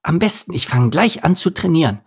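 Male reader playing a bouncy young female spider for a storybook; high, eager, a little gravelly. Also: sing-song, brisk, heavily acted. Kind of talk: children's audiobook acting.

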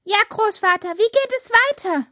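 A woman voicing a spirited young girl woodworm in a children's audio drama, lively and childlike. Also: extremely high pitch, normal speed, no room sound, studio quality, heavily acted. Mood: earnest.

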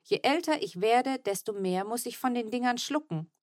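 A woman's voice: on the high side, expressive, moderate pace, no room sound, pitched above the performer's own voice, close to an everyday voice. A woman voicing a stubborn old grandmother who grumbles with dry humour in an audiobook. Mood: wry.

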